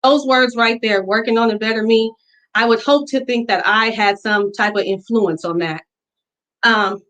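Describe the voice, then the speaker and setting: A woman presenting a pitch for her hair salon in an earnest, heartfelt way. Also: a bit bright, poor audio. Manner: earnest and emotional, fighting back tears at times. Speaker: business pitch contestant, hair stylist. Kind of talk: virtual business pitch presentation.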